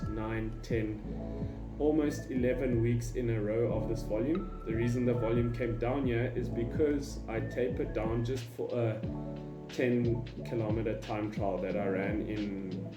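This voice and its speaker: A man giving an informal vlog explanation in an opinionated, emphatic way. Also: medium pitch. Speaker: running vlogger. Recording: roomy echo, faint music behind.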